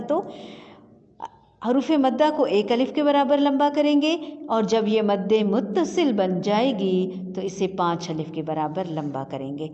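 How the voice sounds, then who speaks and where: A woman teacher leading a slow recitation lesson, spelling out syllables patiently and drawing out each sound. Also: mid-range voice, mellow, muffled recording. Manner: patient, drawn-out syllable drills. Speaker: Quran reading teacher. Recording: long reverb with faint music.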